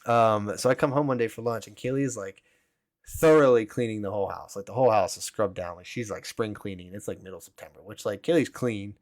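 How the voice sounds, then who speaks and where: A man's voice: on the low side, fairly quick, dry recording. A young man hosting a podcast, telling a personal story in a rambling, profane way and filling his talk with "like.". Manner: rambling, profane, heavy use of "like". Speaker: podcast host. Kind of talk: casual storytelling.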